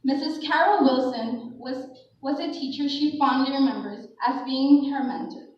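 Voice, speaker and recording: Female presenter, formal read-out intro, high pitch, distant, roomy hall. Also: darkish tone. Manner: measured, formal reading with small restarts. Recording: echoey dull hall audio, distant mic.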